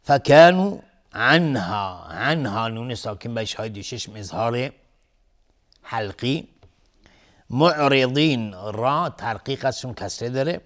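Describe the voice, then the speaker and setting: A man with a Persian accent teaching Quran recitation rules, explaining calmly and then chanting verses slowly. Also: on the low side.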